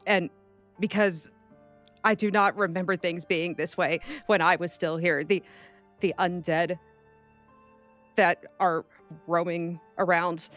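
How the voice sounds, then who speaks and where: A player voicing a halting, troubled cleric woman. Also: mid-range voice, steady tone, fairly bright tone, faint music behind. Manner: halting, repeats words. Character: woman, a worried cleric returned from long absence.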